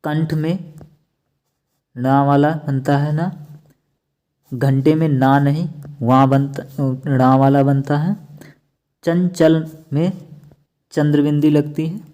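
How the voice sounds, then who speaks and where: Male teacher, very slow and measured, dark mellow voice, drills each word in turn. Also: a little high, level tone. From India. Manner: slow, repeats each word, contrasting wrong and correct forms. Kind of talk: slow spelling lesson.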